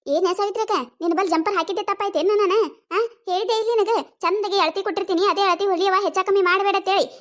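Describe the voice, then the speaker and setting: A performer voicing an angry village woman with a North Karnataka accent who complains fast and high in a cartoon comedy. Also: fairly even intonation, a bit bright. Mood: annoyed. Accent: North Karnataka Kannada. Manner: quick, high, scolding complaints. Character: angry village woman customer, fussy about her blouse.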